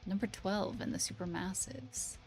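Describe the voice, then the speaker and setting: A woman's voice: mid-range voice, normal speed, soft background music. A tired woman game streamer chatting casually and rambling with fillers as she wraps up her live stream. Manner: relaxed, rambling, many fillers.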